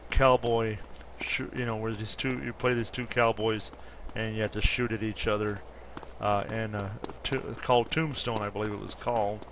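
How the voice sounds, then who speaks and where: Over background noise, a fiftyish gaming YouTuber talks through his gameplay with few pauses, at normal speed, in a lowish, flat voice. He chats casually, rambling and correcting himself as he goes.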